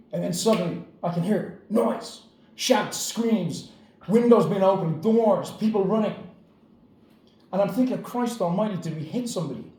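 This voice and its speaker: A man's voice: high voice, darkish tone. A man telling a personal anecdote dramatically, building suspense. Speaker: storyteller. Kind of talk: personal anecdote told to an audience. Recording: roomy echo.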